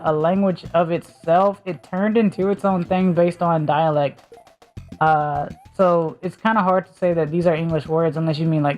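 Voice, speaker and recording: A woman from the Southern United States, with a mild accent and a lowish, darkish voice, chats casually on a stream. She rambles as she thinks aloud, using lots of fillers.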